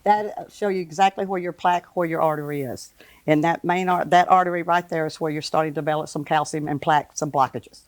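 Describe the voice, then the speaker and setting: A woman's voice: low-pitched, fairly even intonation, fast talker, no echo. A woman from an imaging clinic explaining scan results casually and emphatically, often repeating "absolutely". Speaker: imaging center staff.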